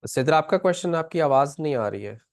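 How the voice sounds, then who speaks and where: A man's voice: on the high side, animated, fairly quick, dry recording, clean studio sound. A man teaching a classroom pronunciation lesson, patiently explaining and repeating words aloud. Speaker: language teacher.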